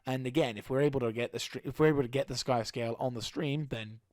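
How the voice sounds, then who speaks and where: A gaming YouTuber rambles through a casual channel update, halting and restarting often. His mid-range voice is slightly hoarse with a darkish tone, captured in studio quality with no room sound.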